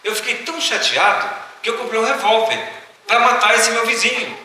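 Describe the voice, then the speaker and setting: A man's voice: extremely high pitch, steady tone, moderate pace, pushed and bright, pitched above the performer's own voice, full character voice. A pastor voicing a distraught grown man in a story, speaking in a raised, pleading voice. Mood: agitated. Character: distraught grown man confessing anger to neighbor. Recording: echoey hall from far off.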